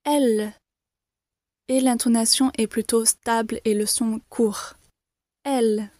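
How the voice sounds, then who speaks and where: A woman teaching the alphabet to beginners, saying each letter slowly and clearly, repeating it and reassuring learners. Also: on the high side, level tone, a little mellow, no room sound, clean studio sound. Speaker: French teacher. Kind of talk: slow, careful pronunciation lesson.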